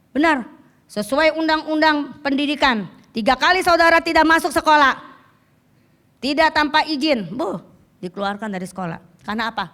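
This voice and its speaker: A woman pastor preaching a lively sermon with a hoarse voice, often calling out questions to the congregation. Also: high voice.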